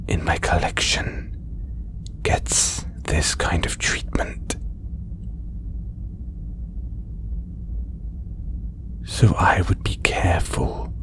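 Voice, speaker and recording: This man's voice sits low with a bit of brightness, breathy and whispery, as he performs a condescending, possessive alien collector with a captive human specimen. It's intimate ASMR-style roleplay acting. His manner is slow, coaxing and condescending, carrying a smug note of warning.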